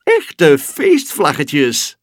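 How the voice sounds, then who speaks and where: A man voicing a small girl astronaut who is alone in her rocket, speaking in a high, breathy childlike voice. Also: big pitch swings, slow pace, darkish tone, dry recording, studio quality, full character voice. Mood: delighted. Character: little girl astronaut, lonely but cheerful.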